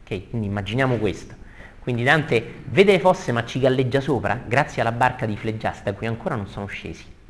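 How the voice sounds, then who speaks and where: Guy lecturing to a room, very keen, drawn-out dramatic verse reading. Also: mid-range voice, expressive, a little hiss or hum. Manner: enthusiastic, repeats praise, reads verses slowly and emphatically. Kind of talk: lively literary lecture with readings.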